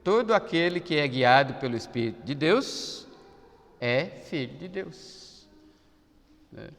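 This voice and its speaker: A man's voice: on the high side, expressive, slow, vocal fry, fairly bright tone, in a large hall. A man with a Brazilian Portuguese accent, a pastor giving a sermon in a folksy, chatty way with asides.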